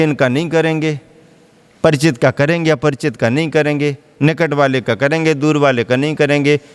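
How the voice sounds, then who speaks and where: A man giving a sermon as a monk preacher, speaking slowly and deliberately, repeating key phrases and posing questions he then answers himself. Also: on the high side, smooth, big-room sound.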